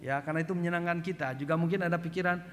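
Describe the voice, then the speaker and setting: A male pastor from Flores in eastern Indonesia, preaching a sermon and telling a story, acting out shouted quotes and often adding "gitu ya". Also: steady tone, very fast. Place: church hall. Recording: long hall reverb, faint rumble.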